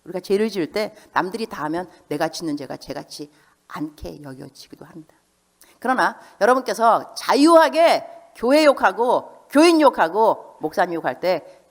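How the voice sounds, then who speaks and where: Animated woman preaching in a reverberant church. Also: on the low side. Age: middle-aged. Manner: lively storytelling, acts out the people she quotes. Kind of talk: sermon. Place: church sanctuary. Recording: long church hall reverb.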